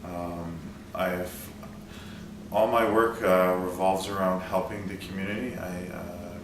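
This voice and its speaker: Male interviewee, very low and level; roomy, noisy distant recording. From Saskatchewan, Canada. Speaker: student leader interviewee. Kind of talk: interview answers. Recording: echoey room, distant mic, noise.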